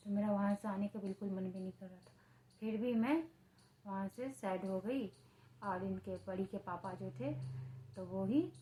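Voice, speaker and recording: A woman's voice: mid-range voice, warm tone, rough recording. A woman speaking Hindi, a mother telling the story of her day in a casual home vlog, in a plain, repetitive way. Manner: talks to her baby in a sing-song, playful tone. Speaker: vlogger, mother.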